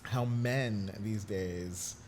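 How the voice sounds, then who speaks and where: A man co-hosting a podcast, chatty and quick to laugh in casual talk. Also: lowish voice, a little mellow, slight background noise. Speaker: podcast co-host. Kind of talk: casual chat.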